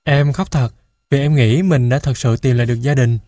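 Brief: man reading as a quiet, sincere little boy, storybook reading, dry close sound. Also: mid-range voice, a little fast, no room sound, lightly acted. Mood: earnest. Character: gentle orphan boy, child actor.

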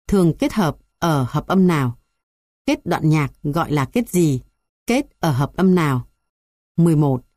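A woman reading a music theory textbook aloud in an even, measured way, going through numbered points. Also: on the low side, dry recording, clean studio sound. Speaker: textbook reader.

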